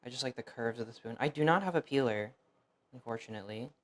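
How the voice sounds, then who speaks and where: A young American man whose first language was Fuzhounese talks quickly at a medium pitch on a casual cooking stream. His chatter is loose, full of fillers and self-deprecating asides.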